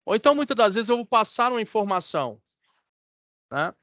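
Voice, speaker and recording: Brazilian male instructor, high voice, dry close mic, chatty online lecture with frequent check-ins. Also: sing-song, a little fast, fairly bright tone, no echo. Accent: Brazilian Portuguese. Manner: conversational, checks in with students often. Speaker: course instructor. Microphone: video call.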